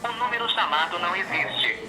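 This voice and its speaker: A man's voice in a formal recorded telephone network announcement, heard over a phone on speakerphone with a flat, measured delivery. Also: high-pitched, music in the background. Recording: tinny speakerphone audio from off-mic.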